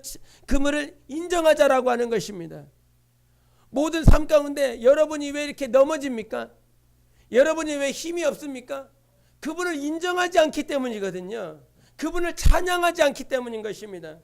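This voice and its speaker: A man's voice: extremely high pitch, animated, a little fast, creaky. A male pastor giving an impassioned Sunday sermon in a church, asking rhetorical questions and repeating refrains. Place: church sanctuary.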